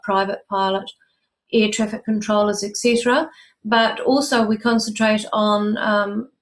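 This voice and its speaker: Older New Zealand woman, measured. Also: medium pitch. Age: 60s. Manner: measured, informative, with frequent ums. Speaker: guest, UFO researcher. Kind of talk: interview answers.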